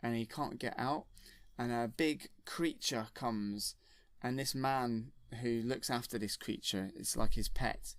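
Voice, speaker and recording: A man retells a film in a casual, deadpan ramble, full of ums and simple words. His voice sits mid-range and dry, close to the mic with no room sound. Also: medium pitch, a little slow, no echo. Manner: deadpan, childlike plain wording with fillers. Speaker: comedic storyteller.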